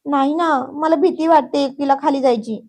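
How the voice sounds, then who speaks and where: A woman's voice: sits high, steady tone, moderate pace, a little mellow, close to an everyday voice. A woman voicing a stubborn, clingy young woman who whines and pleads in a childish sing-song. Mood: pleading.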